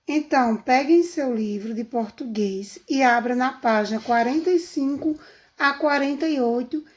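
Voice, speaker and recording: A woman teaching young children a remote lesson, speaking in a sing-song, affectionate teacher manner, recorded on a phone. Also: sits high. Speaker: primary school teacher.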